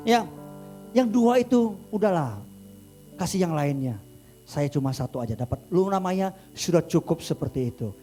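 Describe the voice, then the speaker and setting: A male pastor from Indonesia telling a story in a sermon, dramatic and animated, with mouth sound effects. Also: on the high side, moderate pace, faint music behind.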